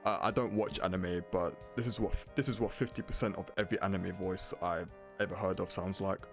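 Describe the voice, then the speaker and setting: Music plays behind a man with a fairly low voice. He narrates a scripted game review, speaking bluntly and casually like an opinionated reviewer. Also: steady tone, a little fast. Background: prominent music.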